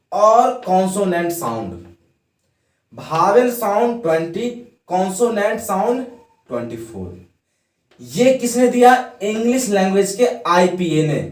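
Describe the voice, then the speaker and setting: A man's voice: sits high, reverberant, recorded from a distance. A man teaching English grammar in a classroom lesson. He puts questions to the students, answers them himself, and has them repeat words after him.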